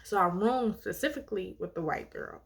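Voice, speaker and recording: A young adult woman with a medium-pitched voice talks casually to her viewers as a vlogger. She tells a personal story in a chatty, gossipy storytime manner, full of asides and emphatic swings. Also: brisk, gravelly, a little hiss or hum.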